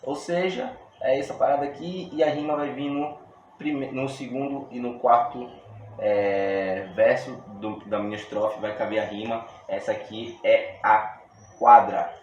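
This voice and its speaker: A man with a Brazilian Portuguese accent teaching a poetry workshop lesson in a relaxed, slangy way, explaining step by step with frequent restarts. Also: mid-range voice, unhurried, muffled recording. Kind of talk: casual video lesson. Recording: roomy echo with faint room noise.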